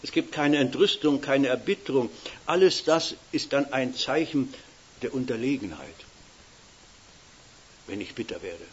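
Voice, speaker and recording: A man's voice: mid-range voice, lively intonation, unhurried, pauses often, dull audio, slight background noise. An elderly man preaching a sermon in a folksy way, often checking with his listeners. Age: older. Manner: folksy, keeps tagging "nicht?".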